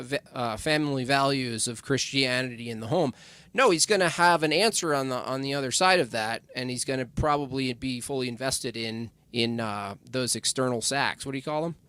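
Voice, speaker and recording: A man chatting as a podcast guest, rambling and halting, now and then quoting others in a mocking voice. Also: medium pitch, bright, forceful tone, clear, resonant tone, no room sound. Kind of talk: casual podcast discussion.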